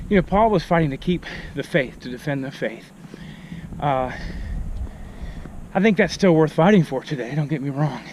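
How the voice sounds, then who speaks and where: A pastor with a fairly high man's voice talks casually as he hikes up a hill, a bit breathless from the climb. He speaks into a phone held at arm's length outdoors. A faint hiss of outdoor noise runs under his voice. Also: expressive, normal speed, darkish tone. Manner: out of breath from walking uphill. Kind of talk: casual vlog message while walking.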